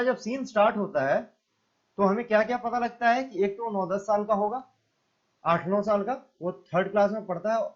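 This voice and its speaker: A man with a high voice teaches a class. He reads lines from a play and explains each one in simple everyday words. The sound is dull and lo-fi. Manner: reads lines aloud, then retells them in plain words. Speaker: Hindi teacher. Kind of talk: reading and explaining a play script.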